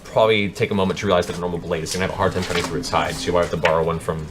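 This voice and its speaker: This low-pitched man races through his dramatic narration as game master of a tabletop fantasy game, keeping a steady tone. The recording is very noisy, with background music underneath.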